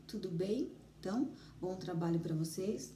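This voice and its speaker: A woman teacher with a Brazilian Portuguese accent giving a remote lesson to children, gentle and encouraging, speaking slowly and clearly. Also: fairly low pitch. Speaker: primary school teacher. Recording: roomy, distant mic with faint ambient noise.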